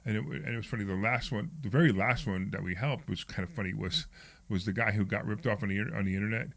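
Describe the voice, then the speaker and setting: A male radio host who talks quickly in a casual, upbeat way. His voice has a gravelly edge. He circles back and restarts his thoughts as he speaks. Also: on the low side. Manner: animated and conversational, with frequent restarts.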